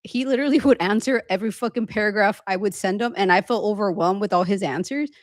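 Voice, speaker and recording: Woman co-host talking in quick run-on bursts. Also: medium pitch, no room sound, clean studio sound. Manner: fast, run-on venting talk with few pauses. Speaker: podcast co-host. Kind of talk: casual conversation.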